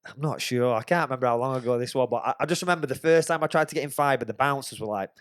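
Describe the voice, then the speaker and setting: This podcast host rattles off a profanity-laced anecdote at a very fast clip, chatting casually. His medium-pitched voice is clear and resonant, and the recording is dry.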